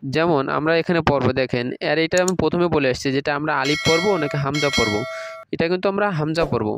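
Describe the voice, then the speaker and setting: A man with a fairly high voice leads a beginner reading lesson. He spells out each syllable slowly and repeats it in a steady chant, stopping now and then to explain a rule to his viewers. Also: background noise. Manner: slow, repetitive chanted spelling; formal greetings and addresses viewers. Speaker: Quran reading teacher.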